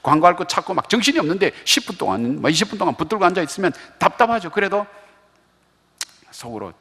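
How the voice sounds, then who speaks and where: A middle-aged male pastor delivers a revival sermon, spinning stories and slipping into the voices of the people he quotes. His voice is husky with a gravelly edge. It rings with a long echo through a church sanctuary. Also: high-pitched, big pitch swings, quick pace, sharp tone. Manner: storytelling, acting out quoted dialogue. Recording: echoey church hall.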